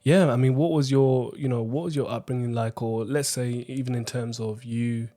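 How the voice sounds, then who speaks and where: Male podcast host, mid pitch, loose and rambling. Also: steady tone, moderate pace, dark tone. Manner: friendly, rambling questions full of fillers. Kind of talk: casual interview chat.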